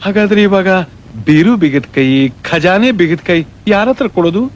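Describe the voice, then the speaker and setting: An actor playing a worried older head of the household, protesting anxiously. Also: male voice, high-pitched, moderate pace, lightly acted. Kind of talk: film drama dialogue.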